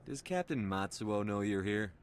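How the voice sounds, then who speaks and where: A man's voice: fairly low pitch, expressive, moderate pace, natural voice. An actor playing a tough human male commander in a video game, speaking tersely and bluntly.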